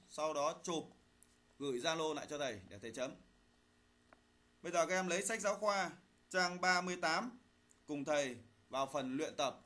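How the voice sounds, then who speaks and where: Bright-voiced male teacher, dictating very slowly. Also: a little high. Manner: dictating slowly, phrase by phrase, with repeats. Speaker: primary school teacher. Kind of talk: dictating a spelling lesson to pupils. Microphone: voice-over recorded for a slide video.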